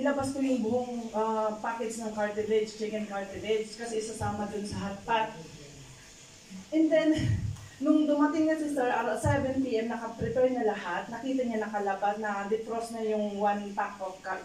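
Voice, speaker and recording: A woman who works as a domestic helper, telling her own story in a casual testimony, halting with many fillers and restarts and English mixed in. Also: on the high side, fairly even intonation, darkish tone. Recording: echoey room, distant mic, faint noise.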